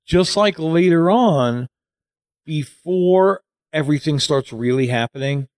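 A man's voice: fairly high pitch, expressive, takes it slowly, darkish tone, no echo. A man co-hosting a casual movie review chat, rambling and critical with lots of fillers.

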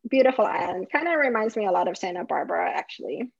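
A woman's voice: medium pitch, very animated, fast talker, creaky, husky, dry recording. 30s woman from lebanon, chatty researcher guest, lots of likes and ums, dry dull audio. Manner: chatty, laughs often, many fillers. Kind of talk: casual interview chat.

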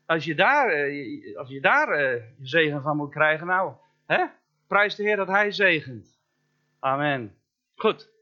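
A man preaching a sermon as a pastor, chatty and joking, asking the congregation questions and slowing down to stress key words. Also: a little high, expressive, bright, forceful tone, highs cut off. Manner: conversational and joking, asks the listener questions.

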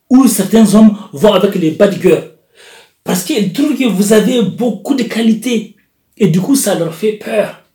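High-pitched man coaching, mellow, echoey. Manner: repetitive, deliberate phrasing. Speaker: therapist and coach. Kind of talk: spoken self-help coaching talk. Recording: roomy echo.

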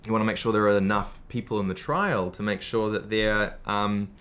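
A man's voice: lowish voice, fairly even intonation, brisk, fairly bright tone. A man speaking as a guest in a casual podcast conversation about medical research, thoughtful and full of "you know" fillers.

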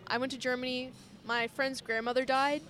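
Playful young woman, slightly high voice. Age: 20s. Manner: playful, deadpan jokes, quick laughs. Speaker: convention guest. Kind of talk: casual chat.

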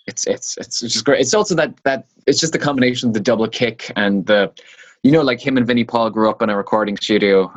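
A man co-hosting a guitar podcast in relaxed, casual chat. He jokes a lot, speaks with lively energy and often restarts his sentences. His pitch sits in a middle range. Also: quick pace. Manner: joking, animated, many restarts. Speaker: podcast co-host.

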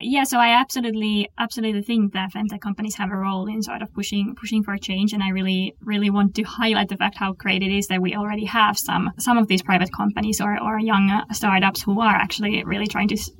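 Gravelly, flat-toned woman panelist. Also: medium pitch, quick pace, hardly any pauses. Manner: earnest, repeats words while thinking. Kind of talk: panel discussion on a call.

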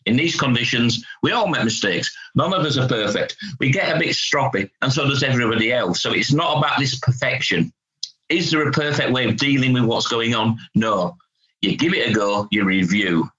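A man's voice: mid-range voice, animated, moderate pace, fairly bright tone. A middle-aged man with a northern English accent from Hull, talking in a plain-spoken, down-to-earth way as an expert guest. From Hull, England. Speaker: interview guest, psychologist. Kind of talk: conversational expert discussion. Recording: dull lo-fi audio.

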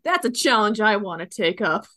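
A woman co-hosting a casual podcast, giggly and joking, spinning animated stories. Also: medium pitch, moderate pace, no echo, studio quality. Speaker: podcast co-host. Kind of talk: casual chat.

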